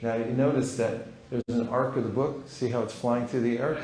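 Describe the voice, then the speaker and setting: Teaching a live seminar in a big hall, this man keeps things playful and performs short dialogues. His medium-pitched voice is a little mellow, fairly even in intonation, at normal speed, and the roomy recording carries slight background noise.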